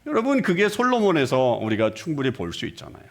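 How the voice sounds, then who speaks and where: A man's voice: a little high, wildly swooping pitch, fast talker. A middle-aged man preaching a sermon as senior pastor, asking the congregation rhetorical questions and acting out short dialogues. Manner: acts out short dialogues with shifting voices. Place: church sanctuary.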